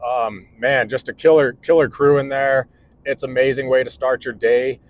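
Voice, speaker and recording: The audio is poor but carries no room sound as a man in his forties, who works as an electrical contractor, vlogs casually from home. His mid-range voice stays steady at a normal speed while he rambles earnestly and keeps restarting.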